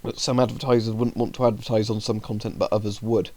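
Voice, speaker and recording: A young YouTuber with a cold breathes heavily while chatting to his viewers in casual vlog commentary, rambling and leaning on fillers. He grows indignant as he reads rules aloud. His voice is low, flat, fast, and darkish, with no echo.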